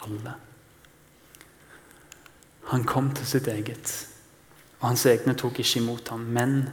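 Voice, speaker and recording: Male preacher, mid-range voice, dramatic sermon delivery from loud to near-whisper, long hall reverb. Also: mid-range voice, creaky.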